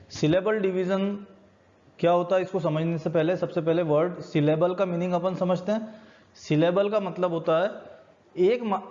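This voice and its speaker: A man's voice: high-pitched, mellow. A man with an Indian accent teaching a recorded school lecture, explaining patiently step by step and mixing Hindi with English. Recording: dull lo-fi recording.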